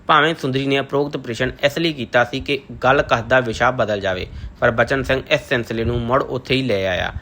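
Man, audiobook narrator, measured literary reading, bright voice. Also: mid-range voice. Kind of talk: novel reading.

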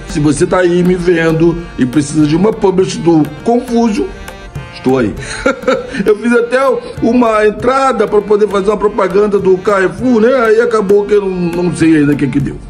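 Filmed in close framing on an old phone camera, a Brazilian man in his fifties does a casual Q&A monologue at home, answering viewer questions as a comedy content creator. His voice is high-pitched and a little mellow, with a Brazilian Portuguese accent. He's chatty, laughs at his own jokes, and keeps adding "né?".

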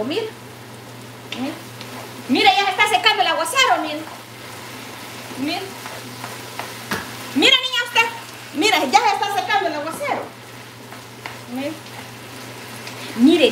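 A chatty, high-voiced cooking vlogger with a Guatemalan Spanish accent films a homey vlog while cooking in her kitchen, constantly saying "mire" and calling viewers "mamayita." The kitchen is echoey and noisy, with a pan frying and sizzling in the background.

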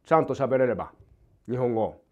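Animated older man with a light Hokkaido accent. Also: medium pitch, moderate pace. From Hokkaido, Japan. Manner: animated, acts out quoted voices and rhythms. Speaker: jazz guitar teacher. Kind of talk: casual spoken lesson. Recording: dull lo-fi recording.

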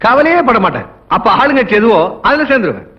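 Casting: arrogant crooked politician, film melodrama, quick-fire haughty delivery, muffled lo-fi soundtrack. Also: male voice, very high-pitched, huge pitch swings, full character voice. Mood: cynical contempt. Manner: haughty, scornful, long rhetorical lists. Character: corrupt, arrogant government minister, cynical male politician. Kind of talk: dramatic Tamil film dialogue.

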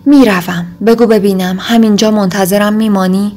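A woman voicing a gentle, worried young man in an audiobook reading, asking concerned questions. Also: medium pitch, fairly even intonation, close to an everyday voice.

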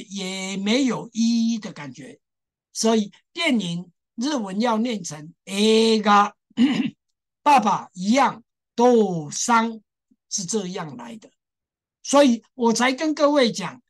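Slow, patient woman language teacher. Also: a little high. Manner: patient, repeats sounds for drilling; addresses class directly, stresses exceptions. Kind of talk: classroom lesson.

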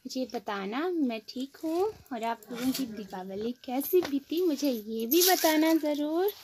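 A woman from Himachal Pradesh talks her viewers through a recipe in a high, slow, friendly voice. She is recorded on a phone at her stove. Oil sizzles and a spoon scrapes the pan over clear background noise. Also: darkish tone. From Himachal Pradesh, India. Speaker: cooking vlogger. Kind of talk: casual cooking narration. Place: home kitchen at a stove. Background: sizzling and stirring in a pan.

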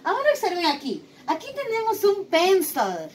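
A woman with a Peruvian Spanish accent teaching an English lesson to young children, speaking slowly and clearly and repeating words for them to echo. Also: very high voice, huge pitch swings, recorded from a distance, slight background noise.

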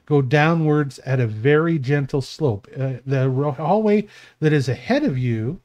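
A man's voice: fairly high pitch, expressive, unhurried, darkish tone, muffled recording. A man running a tabletop game as game master, talking in a casual, rambling way with fillers.

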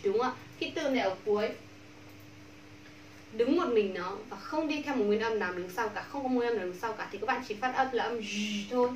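Vietnamese lady teacher drilling english sounds, a bit high voice, roomy echo, faint hum behind. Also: recorded from a distance. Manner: slow drawn-out model words repeated for the class. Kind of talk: classroom pronunciation lesson. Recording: echoey room, voice from off mic, faint background hum.

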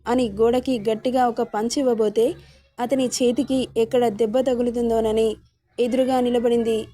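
A woman narrating a serialized romance story in a steady reading voice. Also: fairly high pitch, normal speed, faint music behind.

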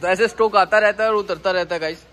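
A man in his thirties from India, a wholesale seller walking through a warehouse and pitching stock to viewers in a brisk, casual vlog. He is filmed on a handheld phone as he moves around the site. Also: fairly even intonation, a bit bright. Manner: brisk salesman pitch, addresses viewers as guys. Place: large warehouse and loading yard, partly outdoors. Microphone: handheld phone selfie camera, moving around.

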